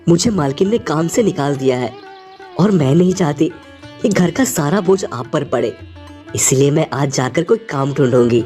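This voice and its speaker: Lady voicing a humble poor maid, mom type, quiet lowish voice, cartoon story. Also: animated, moderate pace, faint music behind. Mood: gentle. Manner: soft, humble. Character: poor hardworking maid and mother. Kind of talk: animated storybook voice acting.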